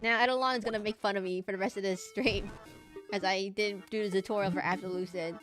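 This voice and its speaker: Her voice is medium in pitch, steady, fast, and a bit bright, with a slight nasal quality. While playing a video game on a live stream, she rambles in casual, self-deprecating chat over background music.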